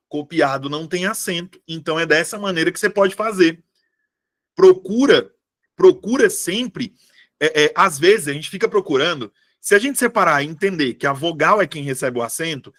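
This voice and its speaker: A man leads a live online exam-prep class in a slightly bright voice that's a little high for a man. He stays casual and talkative, pausing often to check in with his viewers.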